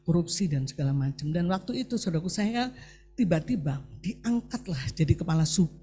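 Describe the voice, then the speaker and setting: A middle-aged male preacher delivers a sermon animatedly, his voice on the high side and brisk. He keeps turning to the congregation with questions, addressing them as "saudara," while soft music plays in the background.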